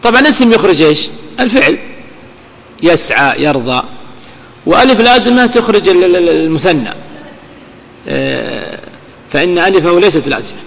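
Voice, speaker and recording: A male grammar teacher giving a classroom lesson, quizzing his class and repeating key words slowly. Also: sits high, lively intonation, creaky, fairly bright tone. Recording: reverberant hall with long echo.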